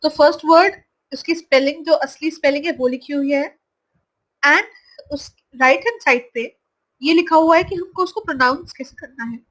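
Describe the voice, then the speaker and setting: A woman teaching English vocabulary from slides, saying each word slowly and repeating it. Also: high-pitched, fairly bright tone, rough recording. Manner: slow, drawn-out pronunciation of each word, repeated. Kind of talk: slide-based vocabulary lesson.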